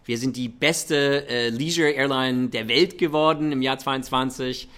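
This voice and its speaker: A man with a medium-pitched voice speaks German with a light American accent. He answers like an executive in a conversational interview, feeling for his words and slipping in English business vocabulary. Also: fairly even intonation, unhurried, fairly bright tone. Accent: slight American accent in German. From Germany and the United States. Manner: hesitant, mixing English business terms into German. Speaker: airline chief executive.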